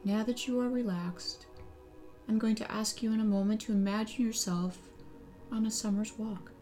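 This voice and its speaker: A woman slowly guiding a hypnosis relaxation session, with soothing, repetitive phrasing and some soft, near-whispered lines. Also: a little high, steady tone, soft background music. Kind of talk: guided hypnosis relaxation script.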